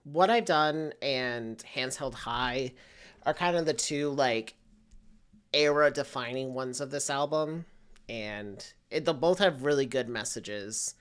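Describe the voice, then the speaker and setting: A man's voice: medium pitch, takes it slowly, fairly bright tone, clean tone. Rambling young man reacting to music. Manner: enthusiastic, rambling with many fillers. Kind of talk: casual reaction commentary. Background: faint music playing.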